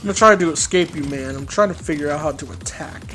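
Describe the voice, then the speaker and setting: A man's voice: on the high side, quick pace, fairly bright tone. A man giving casual, rambling let's play commentary in informal, sweary language. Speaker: gamer commentating a playthrough. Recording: voice-over with game music and gunfire. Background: game music and gunfire.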